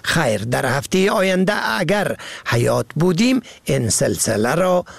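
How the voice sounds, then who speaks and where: A man presenting a scripted radio language lesson, slowly spelling out words letter by letter. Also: on the high side, big pitch swings, creaky, heavy background noise. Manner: slow, careful spelling out of words.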